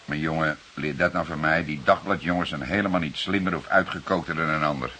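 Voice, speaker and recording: Rumbling low and steady, yet pushed and bright, a Dutch-accented actor voices a veteran detective who is wry and paternal. He delivers his lines with deliberate, slightly flowery, lecturing phrasing, heard through the hiss of an old radio drama recording.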